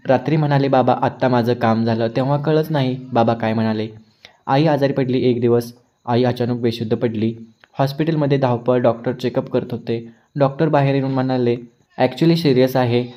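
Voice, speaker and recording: A man narrating an emotional first-person story in an earnest, measured way, speaking to his listeners as friends. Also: mid-range voice, highs cut off.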